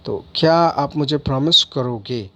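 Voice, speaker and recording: A man teaching grammar in Hindi, reading example sentences slowly as if dictating. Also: mid-range voice, pushed and bright, dull audio. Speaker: English teacher. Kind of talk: explaining English grammar in Hindi.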